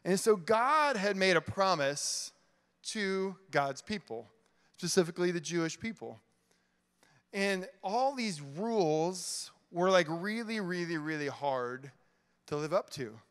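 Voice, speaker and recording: A middle-aged man giving an energetic, chatty youth sermon full of "like", in a church hall. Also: sits high, slow, smooth. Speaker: youth pastor. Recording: long hall reverb.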